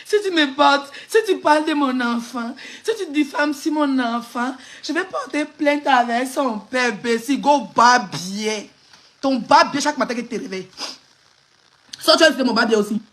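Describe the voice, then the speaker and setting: A woman's voice: high-pitched, a bit bright. A woman with an Ivorian French accent on a phone live stream, hurling insults and mocking laughter in an angry rant.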